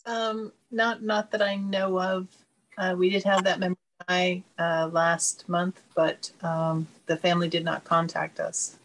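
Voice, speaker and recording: Low-voiced woman on a video call. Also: level tone, unhurried, rough recording. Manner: hesitant, filler-heavy explaining. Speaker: member of another radio club. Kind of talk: casual video call chat.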